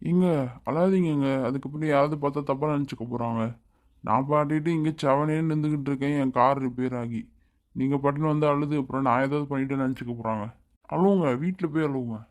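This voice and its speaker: A woman's voice: very deep voice, fast talker, a little mellow. A woman voicing a grumpy, dismissive young businessman in a cartoon. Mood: irritated. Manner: irritable, offhand, dismissive. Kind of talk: cartoon voice acting.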